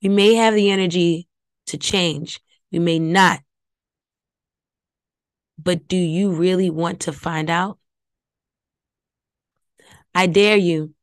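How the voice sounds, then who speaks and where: A vengeful she-beast rasps in a bass, alien growl, put on by a woman narrating the tale. Her threats come slow and low. The sound is dry and close. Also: dry recording. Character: monstrous female she-beast, menacing and vengeful. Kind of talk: audiobook reading.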